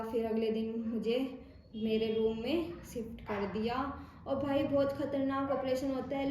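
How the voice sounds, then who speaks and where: A young woman with a Rajasthani accent tells a personal story in a loose, chatty way, acting out what others said and often calling her listeners "bhai". Her voice sits high. It rings through a very echoey room over a faint hum of ambient noise. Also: a little mellow. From India. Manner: chatty, retells dialogue, frequent "bhai". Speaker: vlogger. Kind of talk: casual storytelling.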